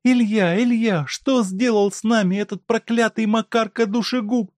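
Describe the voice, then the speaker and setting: A man's voice: sits high, moderate pace, a little mellow, no room sound, clean studio sound, pitched above the performer's own voice, lightly acted. A man reading aloud and voicing a desperate, tearful wife who pleads with a doctor for her husband. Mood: anguished. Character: desperate grieving wife, middle-aged woman.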